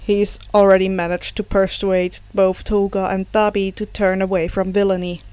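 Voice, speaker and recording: A woman's voice: medium pitch, little pitch movement, normal speed, darkish tone, clean tone, dry recording, voice pushed down, natural voice. A woman voicing a composed, courteous male supervillain mastermind who speaks in a formal, dryly polite way. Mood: conceding.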